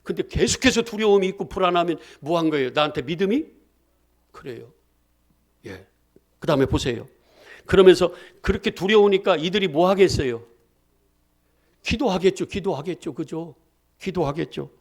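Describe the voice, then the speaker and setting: A man preaching a sermon as pastor, throwing questions at the congregation and answering them himself in a lively call-and-response style. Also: a little high, moderate pace, pauses often.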